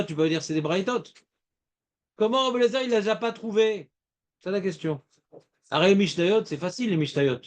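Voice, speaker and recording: A man teaching a Talmud class, explaining in a lively way and quizzing his students. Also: sits high. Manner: lively, asks students questions, playful rhymes.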